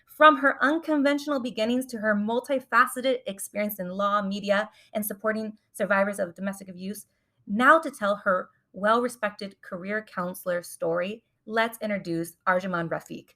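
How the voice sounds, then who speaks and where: A woman's voice: mid-range voice, moderate pace, pushed and bright. Upbeat woman podcast host. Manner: enthusiastic, upbeat. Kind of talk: scripted intro then casual interview.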